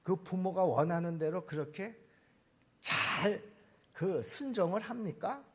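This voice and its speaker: A man preaching a sermon to a church congregation, swinging between loud emphatic lines and quiet asides. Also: sits high, animated, takes it slowly, slightly rough. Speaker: pastor. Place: church sanctuary.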